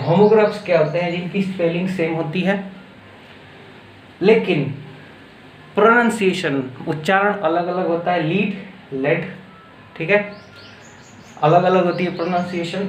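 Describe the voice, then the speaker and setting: A man with an Indian accent and a voice that sits high teaches a classroom-style English grammar lesson, mixing Hindi and English. He explains slowly and deliberately, often checking in with students with phrases like "okay?", and the room has an echo with faint background noise.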